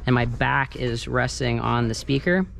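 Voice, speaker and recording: At medium pitch and normal speed, with a fairly bright tone, a sound engineer explains what he's doing in a relaxed first-person walkthrough. The setting is a big carpeted banquet hall with a wooden dance floor, and its noisy ambience is plain to hear.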